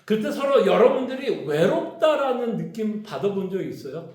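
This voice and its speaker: Pastor teaching in an echoey room. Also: male voice, high voice, big pitch swings, normal speed, darkish tone. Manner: conversational, asks the congregation questions. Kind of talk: Bible study teaching. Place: church hall.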